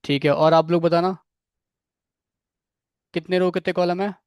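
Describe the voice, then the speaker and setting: A coding instructor with a high, steady, clear and resonant voice speaks a little slowly, his tone darkish. He explains each step, quizzes students by name and keeps checking in with "theek hai." The clean studio sound has no room echo.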